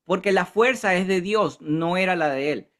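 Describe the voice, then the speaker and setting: A man's voice: high-pitched, moderate pace, fairly bright tone. A man teaching a Bible study in a conversational way, often checking in with his listeners. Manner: conversational, keeps asking the group "¿verdad?".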